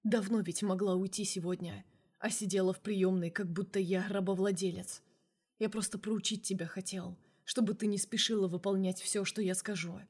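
A woman voicing a gruff, tipsy male boss who barks curt orders and then turns soft and hushed, read in an audiobook. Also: mid-range voice, fairly even intonation, normal speed. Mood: hushed remorse. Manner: curt, growling, drops to a hushed whisper. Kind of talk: audiobook character voice.

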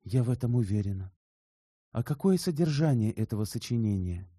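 A man's voice: on the low side, expressive, a little fast, dark tone, slightly rough, dry recording, voice pushed up. A composed young woman speaks in a lifted, lightened voice, as a male narrator puts her on, asking direct questions with a cool edge. The reading is dry and close to the mic. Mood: curious. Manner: poised, pointed questions. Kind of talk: audiobook character reading.

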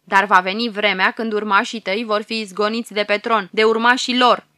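A woman voicing an old male prophet who loudly laments and foretells doom in a storybook reading. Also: mid-range voice, fairly even intonation, dry recording, clean studio sound, natural voice. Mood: lamenting doom. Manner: loud, lamenting, solemn.

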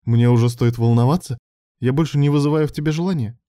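A man's voice: medium pitch, quick pace, mellow, no echo, clean studio sound, voice pushed up, natural voice. A man voicing a sly male doctor who talks in a mocking, teasing and commanding way. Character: adult male doctor, mocking and coolly scheming.

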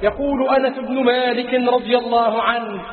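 An Egyptian preacher with a very high voice delivers a sermon in a rising, chanting cadence, repeating key phrases for emphasis. His voice rings with long reverb through a large hall. The recording is thin and phone-like. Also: steady tone, normal speed. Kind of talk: Friday sermon. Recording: echoey hall, tinny lo-fi.

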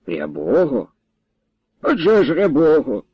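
A gentle, sleepy young farm lad in a village story, voiced by a male reader. He talks mildly, and his pitch moves up and down a lot. The sound is slightly muffled and dry. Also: huge pitch swings, unhurried, breathy edge, no echo, exaggerated voice. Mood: drowsy. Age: young adult. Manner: drowsy, mild-mannered. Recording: dull, dry recording.

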